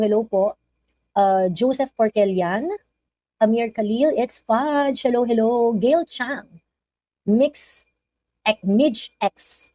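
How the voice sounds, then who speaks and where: A woman's voice: mid-range voice, dark tone, dry recording, low-quality recording. A woman with a Filipino accent hosting a casual live stream, chatting and reading viewer comments aloud.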